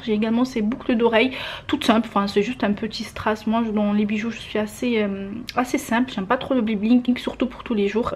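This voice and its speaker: A woman's voice: fairly high pitch, slight background noise. A young woman chatting casually to her viewers from her living room, with plenty of hesitant fillers. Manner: chatty, many "euh" fillers, addresses viewers as girls. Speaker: lifestyle vlogger.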